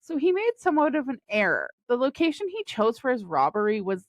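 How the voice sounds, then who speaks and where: A woman's voice: fairly high pitch, sing-song, brisk, dry recording. Chatty woman podcast co-host. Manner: laughs often while telling stories. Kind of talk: casual true-crime chat.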